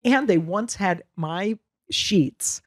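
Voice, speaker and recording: A woman's voice: medium pitch, animated, very slow. A woman in her fifties, a comedian on a podcast, talking bluntly and profanely in casual chat. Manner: brash, blunt and profane, joking loudly. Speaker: comedian guest.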